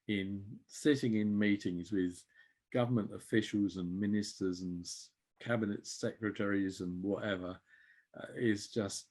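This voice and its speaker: An older man speaks as an interview guest, his voice sitting low with a slightly husky edge. He tells his stories in a reflective, conversational way. He chuckles now and then as he goes. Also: steady tone, unhurried, a little mellow. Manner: reflective, chuckles while telling anecdotes. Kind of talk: conversational storytelling.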